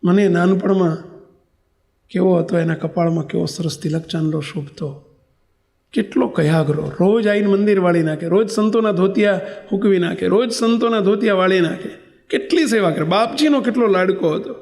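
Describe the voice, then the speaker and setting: A man's voice: high-pitched, normal speed, creaky, a little mellow. A man with a Gujarati accent who is a monk preacher, telling a story in a sermon and acting out the dialogue.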